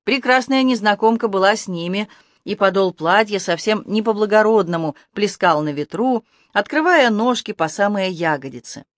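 Audiobook narration, fantasy adventure, expressive reading, medium pitch, dry close recording. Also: moderate pace, dry recording. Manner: lively expressive reading that shifts pitch and loudness for action.

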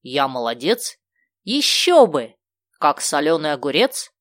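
A woman's voice: low-pitched, big pitch swings, measured pace, fairly bright tone, no echo, studio quality, exaggerated voice. A woman voicing a cheerful adult man with a slight Italian accent who likes jokey sayings. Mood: playful. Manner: playful, fond of jokey sayings. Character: cheerful foreign-born adult man, joking.

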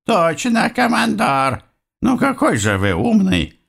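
A man's voice: sits high, huge pitch swings, slow pace, vocal fry, fairly bright tone, pitched above the performer's own voice, full character voice. A man voicing a band of childish, squabbling bearded male spirits in an audiobook reading. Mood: cheerful.

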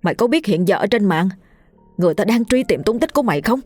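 A woman's voice: mid-range voice, expressive, fast, darkish tone, dry recording, faint music behind, pitched above the performer's own voice, lightly acted. A woman voicing a blunt young male coworker who scolds and worries over his friend. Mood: blunt worry.

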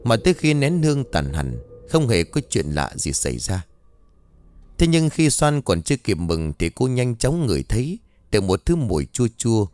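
A man narrating a ghost story in an expressive, dramatic way. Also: lowish voice, dry recording. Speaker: audiobook narrator.

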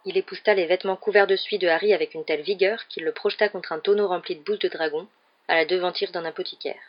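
A woman narrating an audiobook in a steady, measured storytelling voice. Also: lowish voice, muffled recording.

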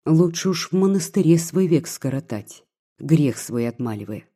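A man's voice: fairly high pitch, animated, normal speed, mellow. A man reading aloud as a desperate woman who speaks bitterly and pleads feverishly. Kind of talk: audiobook reading.

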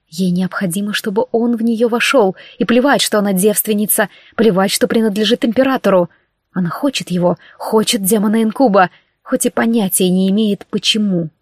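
A woman's voice: medium pitch, darkish tone, no room sound. A woman narrating an audiobook in a sensual, intimate reading style, close to the mic.

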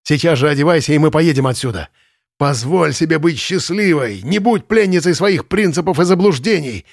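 A man voicing a desperate, unstable male camp commandant who pleads and shouts hysterically. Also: mid-range voice, normal speed, no echo, clean studio sound, natural voice. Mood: frantic.

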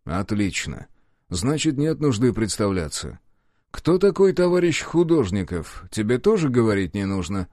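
A cold secret police officer issues curt, commanding orders, as a male audiobook reader puts him on. The voice moves lively in pitch and the recording is dry. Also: normal speed, dry recording. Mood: stern.

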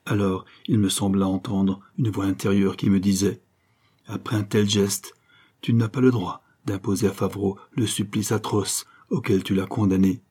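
A man's voice: fairly low pitch, moderate pace, warm tone, husky. A man reading an audiobook, voicing a torn young avenger who speaks to his mother in an earnest, solemn, pleading way. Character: anguished young avenger son, torn by conscience. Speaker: audiobook reader.

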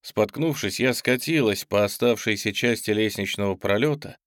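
A man narrating an audiobook in an even, measured reading voice. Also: fairly low pitch, no echo, clean studio sound.

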